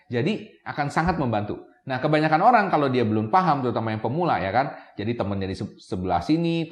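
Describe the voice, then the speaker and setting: A man giving casual tips to camera as a YouTube presenter, chatty, often checking in with "ya kan?" and mixing in English words. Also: mid-range voice. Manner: mixes English words into his talk. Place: room with a camera operator. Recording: echoey room.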